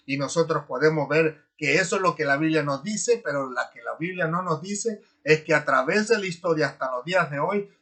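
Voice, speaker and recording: Guy preaching a sermon, bright ringing voice, kinda high, keeps repeating himself and asking "right?". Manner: earnest, repetitive, rhetorical "¿no?" tags; builds to emphatic repeated lists.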